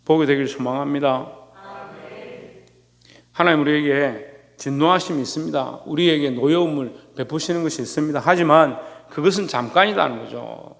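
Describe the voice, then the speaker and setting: A male pastor with a fairly high voice delivers a sermon, firing rhetorical questions at his listeners and calling on them by name. His voice rings out in a church hall with a long reverb tail. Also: normal speed, vocal fry, fairly bright tone. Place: church sanctuary.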